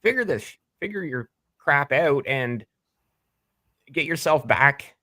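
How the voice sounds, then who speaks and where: Animated man in his fifties, dry sound. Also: slow, dry recording. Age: 50s. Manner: animated, rising pitch when worked up. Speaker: podcast co-host. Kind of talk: casual political chat reading live comments.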